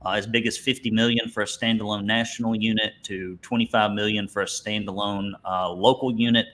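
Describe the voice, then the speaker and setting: This man's voice sits lowish, level and a bit bright, moving a little fast. He's a business coach from Alabama running a webinar in a conversational, folksy style, with jokes, colorful expressions, and an Alabama Southern accent.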